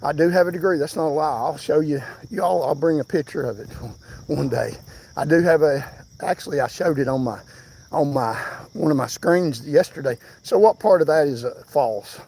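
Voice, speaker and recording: A man's voice: on the high side, moderate pace, gravelly, dark tone, slight background noise. Breathless older man livestreaming. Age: 60s. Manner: insistent, preaching to viewers. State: out of breath from jogging. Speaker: livestream host. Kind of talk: livestream commentary. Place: outdoors, on foot.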